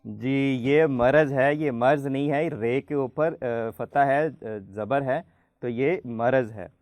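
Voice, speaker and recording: A man hosting a children's program, patiently quizzing the kids and slowly spelling out letters for them to pronounce. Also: medium pitch, a little mellow, no echo. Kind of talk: friendly studio hosting for children.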